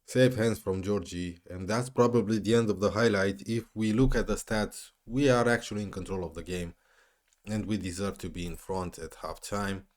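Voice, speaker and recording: Male gamer, lowish voice, play-by-play let's play commentary, frustrated outbursts. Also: steady tone, moderate pace. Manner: exasperated, swings from muttering to yelling. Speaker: gaming YouTuber.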